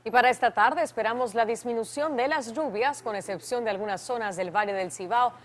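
A woman's voice: on the high side, a little fast, faint music behind. Dominican woman anchor reading news. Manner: crisp scripted reading.

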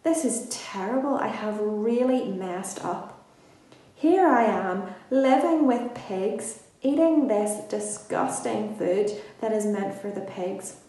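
A woman's voice: medium pitch, mellow, close to an everyday voice. A woman voicing a foolish young son who has run off and ended up broke and sorry, in a children's Bible story. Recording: echoey room, distant mic.

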